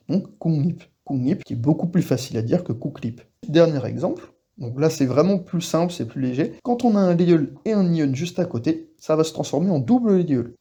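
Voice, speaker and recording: A man teaching Korean pronunciation to French speakers in a casual, reassuring way, slowly repeating example words. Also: fairly high pitch, mellow, husky.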